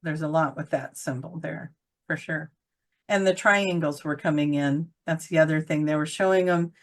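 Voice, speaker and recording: A woman's voice: low voice, normal speed. A woman in casual conversation about spiritual channeling, rambling and searching for words with many fillers. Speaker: channeler co-host.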